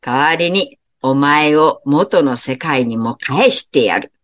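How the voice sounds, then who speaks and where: A woman voicing the gruff, commanding male king of hell in a storybook reading. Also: deep voice, animated, takes it slowly, voice pushed down.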